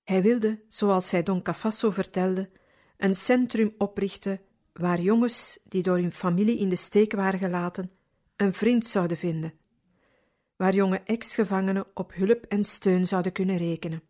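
A woman reads a religious story as scripted narration. Her delivery is calm and measured. Her voice sits at a middle pitch. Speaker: audiobook reader.

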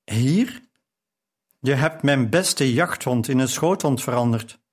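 Man doing a bossy young lord, brusque and snappy, slow, a bit off-mic sounding. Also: medium pitch, animated, slightly rough. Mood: irritated. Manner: brusque, demanding questions. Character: proud young male nobleman, commanding, quick-tempered.

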